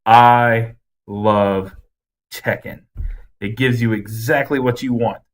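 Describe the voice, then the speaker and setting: This podcast co-host speaks slowly with a medium pitch and fairly even intonation. He's ranting casually about films, offering blunt, emphatic views and occasionally cursing.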